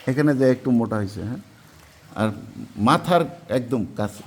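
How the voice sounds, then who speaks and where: A man's voice: medium pitch, animated, moderate pace. Guy chatting on a cave boat trip, exclaims and repeats himself, noise behind him. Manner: exclamatory, repeating short remarks. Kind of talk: casual sightseeing chat. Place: small boat inside a low cave. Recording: noisy on-location cave recording.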